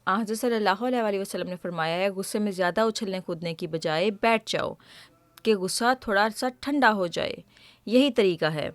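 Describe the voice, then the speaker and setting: A patient woman host explains things gently to a child, speaking at an ordinary pitch. Her manner is teacherly, and she checks in with the child by asking questions. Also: dry recording.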